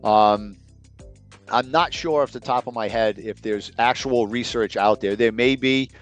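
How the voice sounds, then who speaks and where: A middle-aged man speaking as a guest expert on an online webinar, hesitant with many pauses and fillers. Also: mid-range voice, soft background music. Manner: hesitant, many ums, trailing off. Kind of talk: casual online webinar talk.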